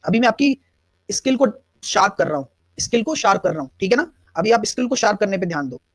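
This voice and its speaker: A man's high, sing-song voice with a fairly bright tone moves fast as he teaches a live online math session. He explains each step, answers chat questions from students, and speaks with a Hindi-English accent; there's no room sound.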